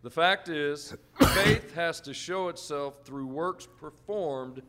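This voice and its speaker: Higher-voiced man reading scripture aloud. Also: slow, sharp tone, smooth. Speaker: scripture reader and responder.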